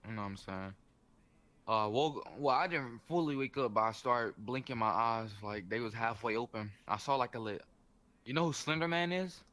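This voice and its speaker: A man tells a scary story in a soft, laid-back and slangy way. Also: medium pitch, moderate pace. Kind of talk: casual spoken story.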